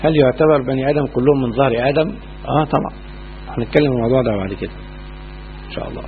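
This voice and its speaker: A man's voice: mid-range voice, racing. A man with an Egyptian Arabic accent, a sheikh giving a religious lesson and answering questions in a colloquial, emphatic way, often checking that listeners follow. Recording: tinny phone-like lo-fi audio with faint hiss.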